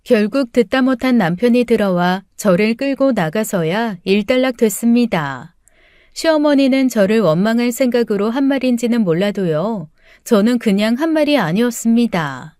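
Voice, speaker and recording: A woman narrating a true-life story in a calm, confiding way for an audiobook. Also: on the high side, normal speed, no echo, studio quality.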